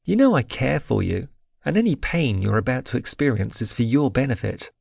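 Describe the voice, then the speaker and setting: A man voicing a stern young warrior in an audiobook, firm, measured and authoritative. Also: medium pitch, big pitch swings, gravelly, a little mellow, slightly rough, no echo, clean studio sound, exaggerated voice. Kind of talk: audiobook character voice.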